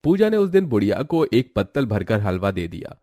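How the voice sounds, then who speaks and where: Low-voiced male cartoon story narrator. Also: fairly quick, no echo, studio quality. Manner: steady, dramatic storytelling.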